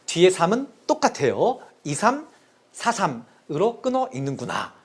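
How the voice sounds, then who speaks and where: A man's voice: high voice, wildly swooping pitch, a little slow, breathy edge. A man teaching a lesson, counting aloud and repeating key terms in a sing-song way to help students remember. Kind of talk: classroom lecture on Chinese poetry.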